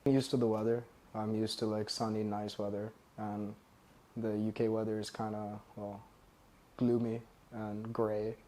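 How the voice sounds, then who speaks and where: A young man from India, an international student, answering documentary interview questions in a relaxed, casual way with fillers. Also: lowish voice, measured pace, slight background noise. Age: young adult.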